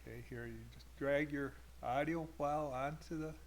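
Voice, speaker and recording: A man casually walking through his own software in a screen-recorded tutorial, hesitant, with many fillers. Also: a little high, fairly even intonation, normal speed, slight background noise. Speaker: hobbyist programmer demoing his software.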